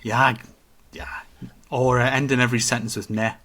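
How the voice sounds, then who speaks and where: A man's voice: medium pitch, normal speed. Chatty man. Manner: animated storytelling, acts out quotes. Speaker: podcast co-host. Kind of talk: casual chat.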